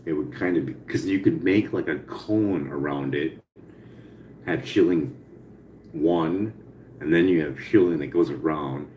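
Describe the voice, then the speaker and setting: A man with speech slurred by missing teeth, rambling casually and repetitively with some swearing, as if thinking out loud. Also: extremely low pitch. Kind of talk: casual spoken brainstorming to an AI chat. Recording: roomy echo, faint background noise.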